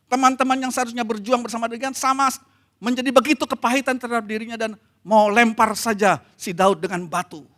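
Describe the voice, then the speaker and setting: A middle-aged man preaching a sermon in a church, talking conversationally and moving between soft asides and emphatic passages. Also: very high-pitched. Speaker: pastor.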